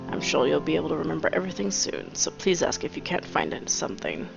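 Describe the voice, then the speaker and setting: A woman voicing a gentle, formal male pigeon who runs a cafe, speaking softly and politely. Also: low voice, sing-song, fast talker, vocal fry, heavily acted. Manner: soft-spoken, formal, polite. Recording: dull lo-fi with game music.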